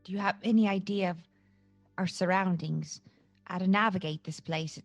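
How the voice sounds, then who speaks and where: A woman playing her character in a tabletop game, speaking in a guarded, calm and plain way. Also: on the low side, normal speed, no room sound, faint music behind. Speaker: player.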